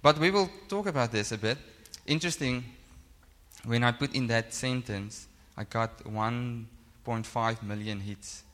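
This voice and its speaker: A man's voice: mid-range voice, pushed and bright. A man with a Namibian accent and Afrikaans as his first language, preaching an informal sermon in a plain-spoken, self-deprecating, conversational way. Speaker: pastor. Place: large indoor church hall. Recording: echoey hall with long reverb.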